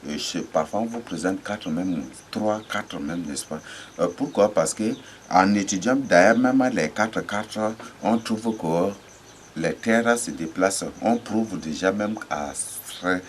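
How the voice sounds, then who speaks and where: Low-voiced man, informal Bible teacher, halting and repetitive, spells out words; faint birdsong behind him. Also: slight background noise. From Chad. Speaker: religious teacher.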